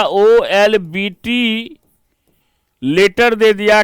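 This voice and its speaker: A man with an Indian accent gives an exam-prep reasoning lesson, walking through each step and pausing to ask rhetorical questions. His voice sits high and sounds crisp and clear. The recording is dry and close. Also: no room sound. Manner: explains step by step, mixing Hindi and English, asks rhetorical checks. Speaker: reasoning teacher.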